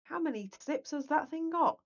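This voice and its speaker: A woman's voice: high-pitched, animated, moderate pace, dull audio. A woman chatting casually as a player in a tabletop game.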